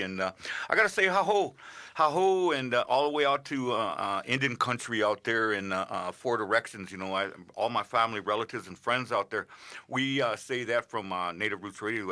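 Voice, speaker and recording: A middle-aged man on a radio show, rambling casually through birthday shout-outs with lots of filler sounds. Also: lowish voice. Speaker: regular radio segment host. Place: radio studio.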